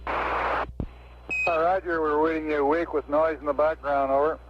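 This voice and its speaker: A man's voice: a little high, flat delivery, normal speed. Male mission control operator, crackly military radio, dull sound with light static, procedural calls. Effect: crackly military-style radio. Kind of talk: procedural radio talk, reading out figures.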